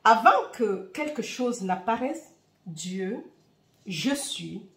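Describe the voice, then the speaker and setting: Woman host with a Bamileke accent, slow, fervent spiritual talk, roomy echo. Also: mid-range voice, very animated. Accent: Bamileke-accented French. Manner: warm, fervent, with hesitant fillers. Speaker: spiritual reader and channel host. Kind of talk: heartfelt spiritual talk to viewers.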